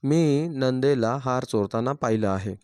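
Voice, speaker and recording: A man voicing a young bride wrongly accused of theft, speaking quietly and firmly in a dry recording. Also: mid-range voice, a little slow, clear, resonant tone, no echo, lightly acted. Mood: firm calm. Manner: quiet, firm, composed.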